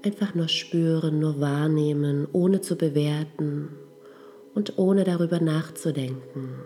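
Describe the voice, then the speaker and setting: A woman with a low, mellow voice guides a meditation, speaking slowly and softly. Her tone stays calm and unhurried throughout, with faint music beneath her. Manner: slow, soft, calm instructions.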